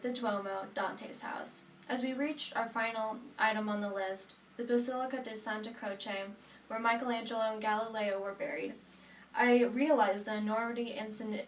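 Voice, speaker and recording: A woman's voice: medium pitch, a little hiss or hum. Eighteen-year-old woman reading her speech. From Nebraska, US. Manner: reads steadily from note cards with small self-corrections. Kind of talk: reading a prepared personal narrative speech. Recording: roomy sound from a distant mic.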